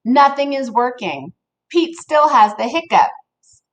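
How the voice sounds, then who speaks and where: A woman reads a children's story aloud in the manner of a teacher, speaking expressively to young listeners. Her voice sits high and her pace is slow.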